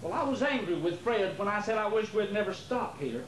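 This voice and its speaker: In a theater rehearsal captured on a noisy, echoey 1980s tape, a man speaks quickly and animatedly in a high voice. He plays an amateur production's loyal nephew, troubled and indignant as he stands up for his uncle.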